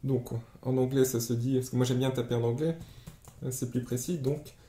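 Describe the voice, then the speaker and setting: Guy walking through a screen-share tutorial, warm soft voice, lots of ums, echoey room. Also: mid-range voice, steady tone, normal speed. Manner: explanatory, hesitant with many fillers. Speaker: online sales trainer. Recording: roomy echo.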